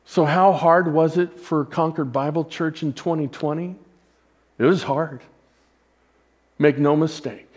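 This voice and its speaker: Male pastor, relaxed address to an online congregation, light humor. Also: on the high side, a little slow, pauses often. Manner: informal, joking aside to home viewers. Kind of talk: sermon.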